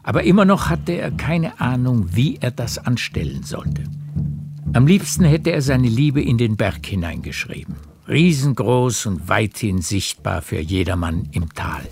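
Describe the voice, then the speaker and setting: This gravelly-voiced male actor tells a literary radio play as a calm narrator, careful and exact in his pacing. His pitch is medium, with music playing behind him.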